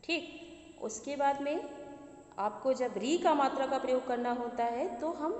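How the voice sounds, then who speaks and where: A woman's voice: high voice, measured pace, a little mellow. A woman teaching grammar to schoolchildren, who asks the class questions and then answers them herself. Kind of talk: grammar lesson for children. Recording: echoey room, faint background noise.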